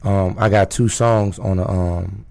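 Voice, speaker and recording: A raspy-voiced rapper from Chicago, talking loosely as a guest on a radio interview, full of fillers like "you know" and "um". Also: male voice, low voice, steady tone, measured pace, warm tone. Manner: loose, street-casual talk with many fillers.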